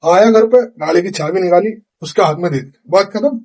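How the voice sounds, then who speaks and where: A young man from India tells a long story in a high, light voice. He talks casually to his viewers. He acts out every line of the dialogue as he goes. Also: moderate pace. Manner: chatty, animated retelling with quoted dialogue. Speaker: vlogger. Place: home kitchen at night.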